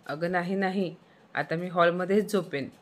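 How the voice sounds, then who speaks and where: A fearless elderly mother, as a woman narrator plays her in a storybook tale. She sounds boastful and dismissive, with a lowish, slightly raised voice. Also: moderate pace, natural voice. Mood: defiant.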